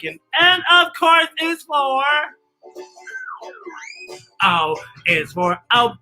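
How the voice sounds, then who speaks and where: A woman with a medium-pitched, pushed, bright voice runs a children's story time, caught on a low-quality recording. She teaches letters and sings in a playful, theatrical, giggly style.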